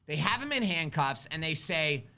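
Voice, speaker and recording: Speaking at a moderate pace in a voice on the high side, very animated, bright and forceful, a man who teaches firearms chats on a casual live stream. He answers viewer questions, tells lively stories, poses rhetorical questions and talks with his kids.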